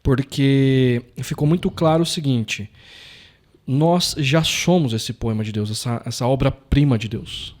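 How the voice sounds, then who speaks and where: A man's voice: medium pitch, measured pace, a little mellow. Male pastor from Brazil, mid voice, earnest and reflective, repeats lines for emphasis. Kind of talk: casual chat.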